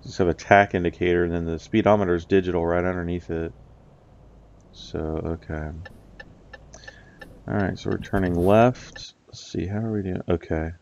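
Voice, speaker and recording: Deep, steady and gravelly, a stuffy-nosed American man narrates a driving game at a moderate pace, pausing often. His casual let's play commentary rambles with many ums and uhs; the sound is a little mellow, with the highs cut off.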